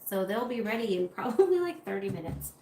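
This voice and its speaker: In a casual livestream, the host of an art channel talks with viewers as she crafts, her voice a little congested. She sounds mid-range, sing-song, a little fast and somewhat mellow. Faint room noise and a roomy sound surround her.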